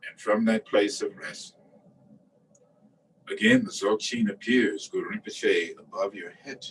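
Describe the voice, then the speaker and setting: A man giving a calm, meditative Buddhist teaching, guiding listeners with pauses. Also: on the low side. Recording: distant mic with faint ambient noise.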